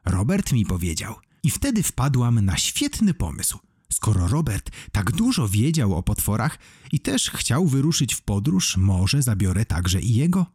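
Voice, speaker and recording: A man reads a children's story with a lively, animated lilt. His voice is husky, and the recording is close and dry with no room at all. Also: mid-range voice, no echo. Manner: expressive storytelling. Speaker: audiobook narrator. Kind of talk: children's audiobook reading.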